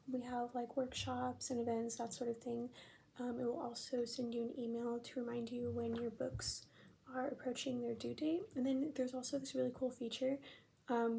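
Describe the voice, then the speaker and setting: A young American woman in an ASMR role-play as a friendly librarian, speaking in a gentle, unhurried, breathy library soft voice. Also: high-pitched. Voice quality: soft-spoken, breathy near-soft voice. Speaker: ASMR performer playing a librarian at checkout. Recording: faint background noise.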